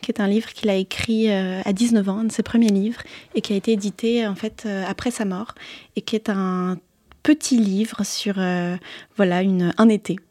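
A young woman novelist from Vietnam, a guest in a casual radio interview, answering hesitantly with many fillers and soft laughs. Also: medium pitch, fairly even intonation, moderate pace, dry recording.

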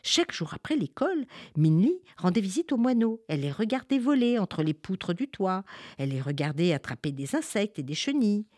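A woman narrating a children's folk tale with expressive, sing-song storytelling. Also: medium pitch, brisk, no room sound, studio quality.

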